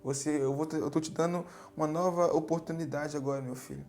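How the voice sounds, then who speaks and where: A man voicing a wise older father whose farewell letter speaks calmly to his son. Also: fairly high pitch, fast talker, lightly acted. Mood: calm, fatherly.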